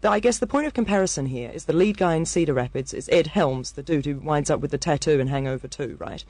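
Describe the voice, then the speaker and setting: A woman's voice: low-pitched, quick pace, a little mellow, no echo. Woman, New Zealand accent, chatty film reviewer, dry close studio mic. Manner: enthusiastic, chatty, with many fillers and restarts. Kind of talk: casual radio chat.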